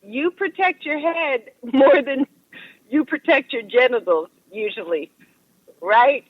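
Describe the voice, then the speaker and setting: A woman who practises massage talks in a calm, explanatory way as an interview guest, calling in on speakerphone while she drives. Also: sits high, slow, dry recording. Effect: speakerphone call from a car. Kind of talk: casual interview chat. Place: driving in a car. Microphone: phone on speaker. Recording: tinny dry phone line.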